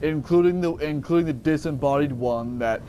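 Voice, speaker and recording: A man's voice: a little high, normal speed, mellow, a little hiss or hum. A man doing casual, profane and sarcastic gameplay commentary as a let's play host. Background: game music.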